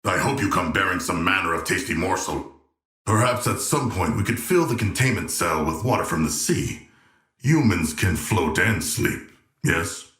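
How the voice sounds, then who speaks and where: A man's voice: low-pitched, expressive, moderate pace, a bit bright, echoey room. An actor playing a huge, earnest and naive shark-man royal in a video game, speaking in stilted, formal and solemnly literal language. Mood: curious, formal. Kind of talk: scripted game character voice lines.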